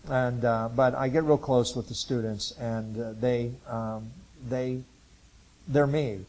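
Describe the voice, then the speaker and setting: The recording quality is low as an Ohio missions teacher from a Bible college, in his sixties, offers an informal testimony to church members. His voice is mid-range, steady, and darkish, and he speaks in a halting, wandering way packed with filler sounds.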